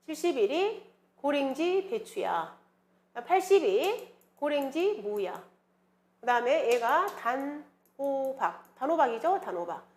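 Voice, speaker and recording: 생기 있게 가르치는 여성 강사. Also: female voice, high voice. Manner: lively, sing-song mnemonic chanting, rhetorical questions. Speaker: exam prep lecturer. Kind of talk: classroom lecture with mnemonics.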